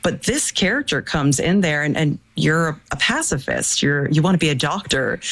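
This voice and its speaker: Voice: medium pitch, fairly bright tone, rough recording. An interviewer asking long, thoughtful, analytical questions in a conversational tone.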